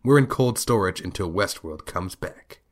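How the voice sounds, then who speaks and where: A man's voice: low voice, animated, moderate pace. A man with a head cold hosting a podcast, chatting casually and reading out listener messages. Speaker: podcast host.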